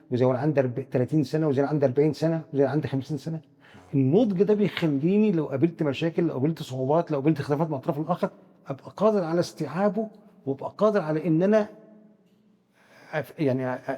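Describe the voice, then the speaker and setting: With a mellow voice on the high side, an Egyptian Arabic–accented psychiatrist, there as a guest expert, explains psychological ideas through examples from his own perspective. He often restarts his words mid-thought, and a long reverb tail follows his speech.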